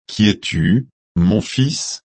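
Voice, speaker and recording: A man voicing an old blind father giving his blessing, in a slow, solemn reading. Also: on the low side, darkish tone, no room sound, heavily acted.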